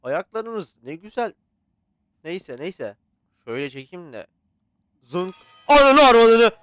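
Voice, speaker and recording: A man casually commentating a horror photography game, swearing and yelling at scares between calm muttering. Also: on the high side, slow, no room sound. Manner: swears and yells at jump scares, chatty with the game. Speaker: gaming channel host. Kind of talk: casual let's-play commentary.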